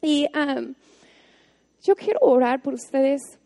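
Woman, high voice, devotional speaker, chatty, fillers and tag questions. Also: expressive, slow pace, creaky, mellow. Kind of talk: casual spoken devotional.

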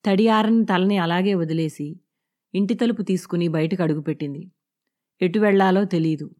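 Woman narrating an audio novel, low-toned. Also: moderate pace, darkish tone.

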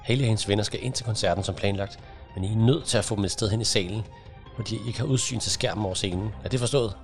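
A man's voice: on the low side, faint music behind, lightly acted. A man voicing a focused, commanding woman who leads a team of agents in an audiobook. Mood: firm. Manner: firm, clipped.

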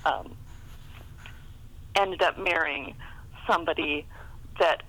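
Her voice sits low and comes across pushed and bright as she takes things slowly, though the audio is poor. She's a middle-aged romance writer being interviewed, chatting casually with frequent chuckles.

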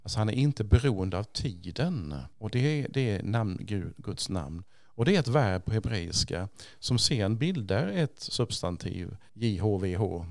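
Gravelly priest guy on a podcast, kinda low voice, walks through it slow n thoughtful. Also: lively intonation, darkish tone, no room sound. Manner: thoughtful, explains slowly with pauses and repeats. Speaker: priest and Bible teacher, podcast guest. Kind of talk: explanatory podcast talk.

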